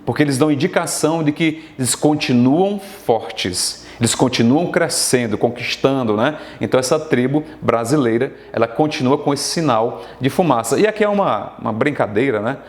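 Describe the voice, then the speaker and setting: A man's voice: mid-range voice, expressive, normal speed, hardly any pauses. Roomy-sounding Brazilian male teacher. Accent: Brazilian Portuguese. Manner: explanatory, asks frequent check-ins to students. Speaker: Portuguese language teacher. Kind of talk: televised classroom lesson. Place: studio classroom.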